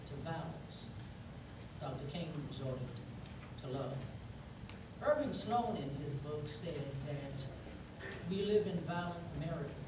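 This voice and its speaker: An event speaker giving a rhythmic, preacher-like speech to a gathering with slow repetition. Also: mid-range voice. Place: event hall. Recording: echoey room, distant mic, noisy.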